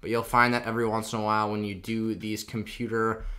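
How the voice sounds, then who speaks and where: A man's voice: fairly low pitch, level tone, quick pace, pushed and bright. A man hosting a casual fantasy football draft video, talking with a sore, swollen mouth after having his wisdom teeth out. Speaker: video channel host.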